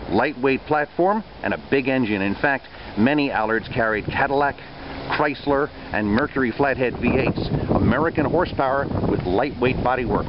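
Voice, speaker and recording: A man presenting a car feature with enthusiasm, raising his voice over wind and engine noise in an open moving car. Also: medium pitch. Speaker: TV reporter hosting a car feature. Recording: loud wind and motor noise, muffled sound.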